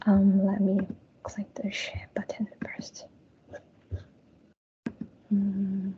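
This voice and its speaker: Young woman, soft and breathy, flat mellow delivery, dull lo-fi video-call audio from a screen recording. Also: mid-range voice, drawn-out words, a little hiss or hum. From Hong Kong. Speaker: student presenter. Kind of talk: online class presentation.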